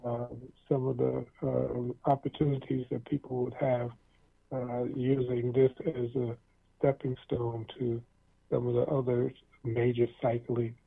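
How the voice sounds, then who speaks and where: This radio talk show host has a medium-pitched, gravelly voice with a breathy edge, keeping a level tone at a measured pace. He rambles easily through a casual interview chat, full of fillers and restarts, chuckling often. The sound is tinny, lo-fi radio.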